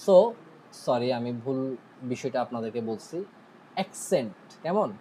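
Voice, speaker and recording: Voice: mid-range voice, expressive, a little slow, warm tone, slight background noise, low-quality recording. A teacher with a Bangladeshi Bengali accent talks through IELTS speaking tips in a casual online lesson. The delivery is chatty, with frequent check-ins with the listeners, and English exam terms are dropped in along the way. The teacher sometimes stops mid-thought to correct an earlier point. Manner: mixes English terms into its explanations.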